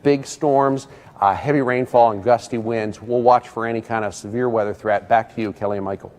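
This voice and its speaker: An American man working as a TV meteorologist, ad-libbing live storm commentary in halting phrases with many pauses. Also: mid-range voice, fairly even intonation, a little mellow. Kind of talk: live ad-libbed weather commentary.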